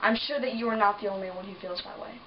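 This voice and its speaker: A woman's voice: mid-range voice, steady tone, fast. A woman as reporter in an amateur mock news piece, reading plain scripted questions. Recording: dull distant recording with noise.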